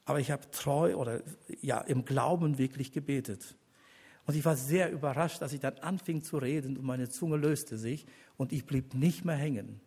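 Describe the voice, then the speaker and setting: With a mellow, husky voice of medium pitch, an older church elder shares his personal testimony as an earnest sermon. He takes his time, pausing between thoughts, and builds to emphatic appeals aimed at the congregation.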